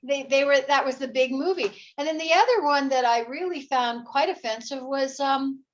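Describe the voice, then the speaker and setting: A woman's voice: sits high, normal speed, muffled recording. A woman speaking hesitantly and reflectively in a casual group chat.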